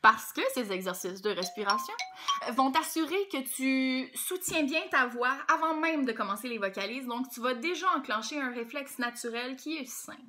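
A young woman with a Québécois French accent teaching a playful vocal warm-up lesson, demonstrating sounds as she explains. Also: sits high, moderate pace, soft background music. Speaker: singing teacher.

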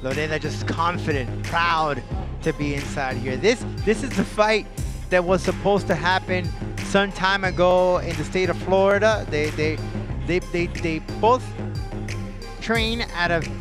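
A man's voice: high voice, a little slow, over music. A man giving conversational sports commentary as a fight analyst.

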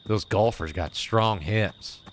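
Low-voiced man streaming a game. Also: slow pace, slight background noise. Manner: chatty, thanking and talking to chat while playing. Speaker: streamer host. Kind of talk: live gameplay commentary.

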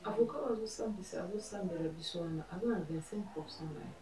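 A woman's voice: lowish voice, quick pace, lightly acted. Woman as pleading daughter, earnest, echoey room. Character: troubled daughter disputing her father's inheritance. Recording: echoey, distant, crowd noise.

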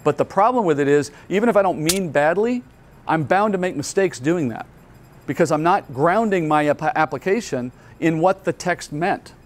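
A man's voice: fairly high pitch, animated, moderate pace, a little hiss or hum. A male pastor giving a Bible teaching at a conference, explaining earnestly step by step and asking rhetorical questions. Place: conference hall.

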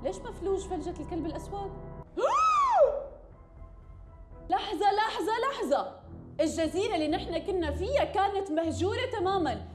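A woman with a Levantine Arabic accent giving excited, jokey gameplay commentary, full of gasps and shrieks. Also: extremely high pitch, quick pace, reverberant, faint music behind. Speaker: gaming YouTuber.

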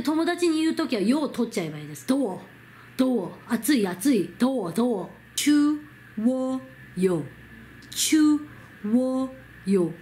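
A Korean woman teaching Hangul to learners in Japanese, repeating each sound slowly and drawing it out. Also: a little high, dark tone. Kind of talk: slow, careful pronunciation lesson.

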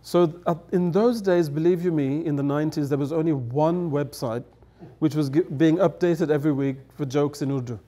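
Brisk, warm and a little high, this man's voice runs with hardly any pauses. He is a middle-aged native English speaker, a guest elder telling chatty anecdotes at a table on a studio set with dark curtains, laughing and dramatizing quoted lines.

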